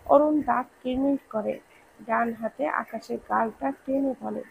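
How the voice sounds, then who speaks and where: A woman's voice: a little high, measured pace, creaky, phone-quality sound, slight background noise. A woman reading a romance story aloud, lightly acting the characters' lines in her own voice. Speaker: story narrator.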